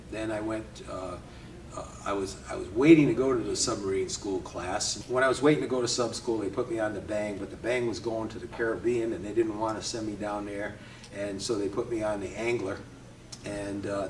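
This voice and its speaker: An older man from Connecticut, a Navy veteran, reminisces in an easygoing interview, often chuckling and pausing with hesitations. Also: fairly low pitch, slight background noise. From Connecticut, USA. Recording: roomy, distant from mic, faint ambience.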